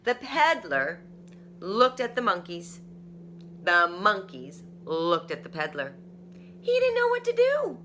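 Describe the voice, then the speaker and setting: This woman, teacher-style, reads a picture book aloud to little kids with plenty of drama, lowering to soft whispers and prompting them with questions. She has a mid-range voice, is very animated, and speaks slowly, with slight background noise in the clip.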